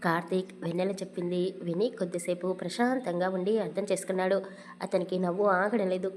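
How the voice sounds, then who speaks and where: A woman narrating an audio love story in a steady storytelling way. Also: lowish voice, a little fast, slight background noise.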